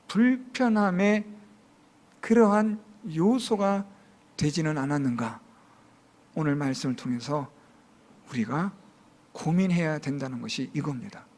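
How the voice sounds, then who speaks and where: High-voiced Korean pastor preaching. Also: male voice. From Seoul. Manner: chatty, humorous, questions the congregation often. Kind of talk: Sunday sermon.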